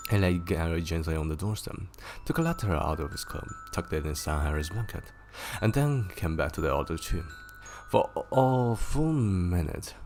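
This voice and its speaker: A male streamer reads a novel aloud on a livestream in a very low, gravelly voice. His pitch moves freely across a wide range, and he breaks off to laugh and joke with his chat. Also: darkish tone. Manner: laughs easily and jokes with chat. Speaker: streamer and storyteller.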